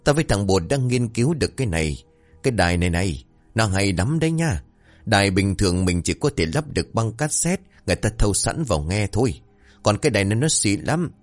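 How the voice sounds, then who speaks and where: A man voicing a young village prankster who eagerly pitches a scheme to his friends. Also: sing-song, quick pace. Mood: eager scheming. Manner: eager, conspiratorial, boastful.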